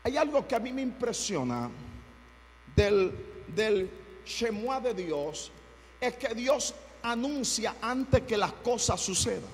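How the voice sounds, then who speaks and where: A man preaching a sermon as pastor, fervent, often breaking into shouts and repeating his phrases. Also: very high voice, very animated, slow, in a large hall, slight background noise.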